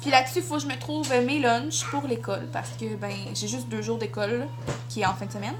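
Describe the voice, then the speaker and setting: A woman's voice: a little high, fairly quick, music in the background. A young woman with a Quebec French accent, chatting casually in a home vlog as a mother, switching to a sing-song voice for her toddler. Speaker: vlogger and mother.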